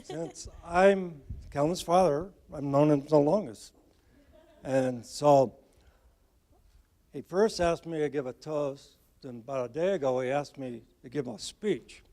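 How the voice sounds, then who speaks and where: A man's voice: on the high side, measured pace, mellow. A middle-aged man, the groom's father, starting his wedding speech with a self-deprecating joke.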